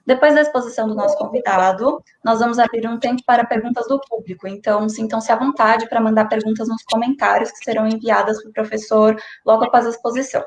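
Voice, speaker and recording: A woman with a Brazilian Portuguese accent giving a formal, measured introduction as host of an online lecture. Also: on the high side, fairly even intonation. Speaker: event host. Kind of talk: scripted introduction. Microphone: online stream. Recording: echoey room with faint noise.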